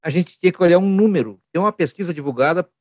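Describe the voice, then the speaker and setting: A man's voice: sits high, animated, quick pace, darkish tone, no room sound. A man in a casual podcast chat, arguing firmly and repeating his points for emphasis. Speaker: podcast co-host.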